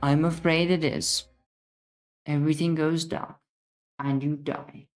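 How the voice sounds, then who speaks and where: A woman's voice: sits low, little pitch movement, takes it slowly, faint music behind. A woman playing a stern, solemn narrator in a story game, with emphatic delivery and a British accent. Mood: grave. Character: stern, grave storybook narrator warning the hero.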